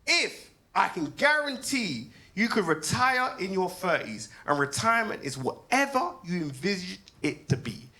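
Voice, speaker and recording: Man, stand-up comic, high bright voice, very lively pitch, deadpan asides and loud punchlines. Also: normal speed, few pauses. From United Kingdom. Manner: animated, swings from low deadpan asides to loud laughing punchlines. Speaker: stand-up comedian. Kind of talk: stand-up comedy set.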